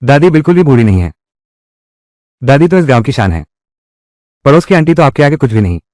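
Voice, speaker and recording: A man's voice: medium pitch, big pitch swings, fairly quick, darkish tone, no room sound, clean studio sound, natural voice. A man voicing every role in a dubbed drama, speaking all the parts in much the same voice. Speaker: dubbing voice actor.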